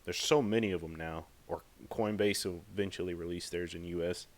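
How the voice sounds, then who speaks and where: A man's voice: low voice, steady tone, brisk. A man hosting a podcast, talking casually in a rambling, emphatic way with lots of fillers. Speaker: podcast host. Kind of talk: casual monologue.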